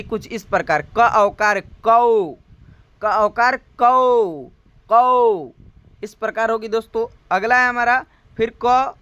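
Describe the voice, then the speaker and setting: Man, Hindi accent, high voice, teacher explaining syllables, drawn-out sounds. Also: bright, forceful tone, clear, resonant tone, dry recording. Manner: drawn-out spoken syllables, repeated rhetorical questions. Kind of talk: slow classroom explanation.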